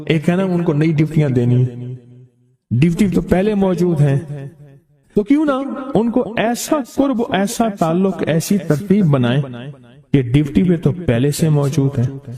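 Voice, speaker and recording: Man, preacher, sermon storytelling, emphatic, repeats phrases, lively pitch, crowd noise.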